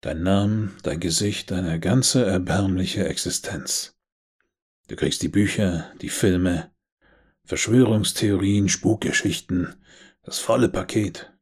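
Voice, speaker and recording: Guy doing a chill smug devil, low husky voice, slow and quiet, storybook read. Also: heavily acted. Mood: calm, amused. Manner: unhurried, quiet and sly. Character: calm amused world-weary devil with wings, male.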